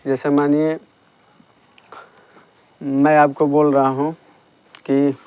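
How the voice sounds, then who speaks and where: Slow, smooth-voiced male teacher. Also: on the high side, little pitch movement, darkish tone, dry recording, dull audio. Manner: slow, patient explaining with repeated checks. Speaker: English teacher. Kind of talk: classroom grammar lesson.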